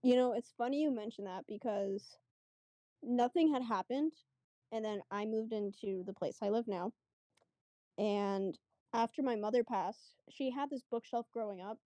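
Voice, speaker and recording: Woman guest, mid-pitched, mellow tone, chatty storyteller who acts out the dialogue, dry close mic. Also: unhurried, no room sound. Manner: chatty, lots of fillers, acts out quotes. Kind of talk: casual storytelling.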